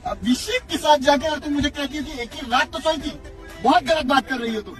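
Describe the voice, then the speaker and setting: A man's voice: extremely high pitch, expressive, fairly quick, fairly bright tone, faint music behind. A man playing a hurt young boyfriend accusing his partner of cheating. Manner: accusing, wounded.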